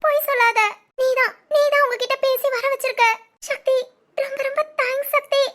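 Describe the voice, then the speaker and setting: A very high, squeaky cartoon voice for a loving young wife, tender and quick to tears, as a voice actress plays her. She talks in sobbing, clinging pleas, close and intimate. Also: fairly even intonation, fairly bright tone. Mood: tearful, grateful. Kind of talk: cartoon voice acting.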